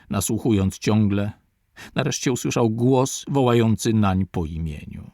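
Sex: man. Role: audiobook narrator. Style: measured reading of a classic adventure novel. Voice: gravelly, mid-pitched. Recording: dry, close. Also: a little mellow, dry recording.

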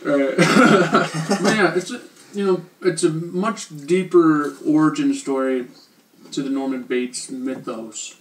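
A man with a higher voice and fairly even intonation speaks slowly while co-hosting a casual show reviewing a TV series. He jokes around playfully, and the recording sounds roomy, with a distant mic.

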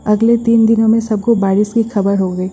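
A woman narrating a brisk plot recap of a drama episode, reading the characters' quoted lines in a plain voice. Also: mid-range voice, little pitch movement, warm tone, faint music behind. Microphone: voice-over. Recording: dull lo-fi voice-over.

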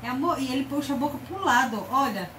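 Fast and a bit bright, with lively intonation, this mother's high voice carries her sing-song baby talk as she coaxes her infant at home. The clip was filmed from across the bedroom by another person holding the camera at a distance, leaving an echoey, noisy sound far from the mic.

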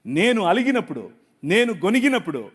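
A middle-aged man preaching an impassioned sermon, moving from hushed, tearful lines to loud cries. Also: high voice, big pitch swings, a little fast, slightly rough. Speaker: pastor.

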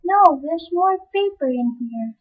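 Woman as Annie, very high-pitched excited little girl. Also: unhurried, phone-quality sound, a little hiss or hum. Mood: thrilled. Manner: gushing, exclaiming in folksy slang. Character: Annie, excitable plucky young orphan girl. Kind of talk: old-time radio play acting by an amateur.

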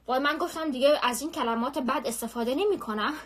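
A young woman telling a story on a live stream into her phone, chatty and animated, full of slang and repetition. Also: sits high, slightly rough.

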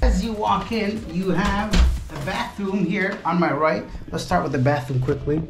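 A man's voice: high voice, moderate pace, music in the background. A man in his thirties talking casually to a handheld camera while touring an apartment. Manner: chatty, easygoing, talks straight to the camera. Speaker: vlogger. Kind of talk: casual travel vlog. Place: apartment indoors and city streets.

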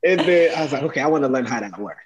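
A man's voice: medium pitch, animated, rapid-fire, a crowd in the background, rough recording. A young man from Rwanda hosting an interview over a video call, talking in an upbeat, casual way and laughing often. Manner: upbeat, laughs often, many "you know"s. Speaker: podcast host. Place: small room at home.

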